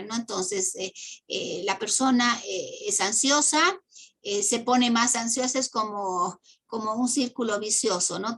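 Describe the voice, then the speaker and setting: A woman's voice: mid-range voice, fairly bright tone. A woman teacher giving an online class lecture, explaining step by step with many "eh" fillers and "¿no?" tag questions.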